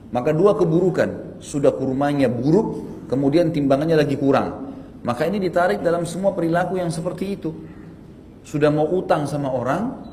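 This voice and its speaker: A man teaching an Islamic study class in a lively, emphatic manner, his voice climbing high when he scolds. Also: long reverb tail, a little hiss or hum. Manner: animated, emphatic, rising pitch on rebukes. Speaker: religious teacher.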